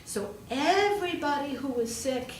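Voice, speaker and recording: A high, expressive woman's voice takes its time through a conversational storytelling sermon, using rhetorical questions and repeating points emphatically. The speaker is a pastor and a hospital chaplain. It's captured at a distance in a roomy setting, with faint noise.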